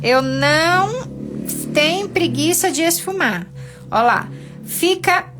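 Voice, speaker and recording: Lady art teacher, high voice, takes it slow and reassuring, talks you through every brushstroke. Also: expressive, music in the background. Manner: patient, encouraging, slow step-by-step instructions. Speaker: painting teacher. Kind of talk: live painting class.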